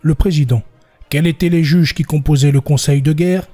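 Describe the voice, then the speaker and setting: A man narrating historical court testimony for a podcast, voicing the quoted villagers a little higher and stumbling now and then. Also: steady tone, normal speed, warm tone, soft background music. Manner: reads quoted villagers with raised pitch, slips and restarts.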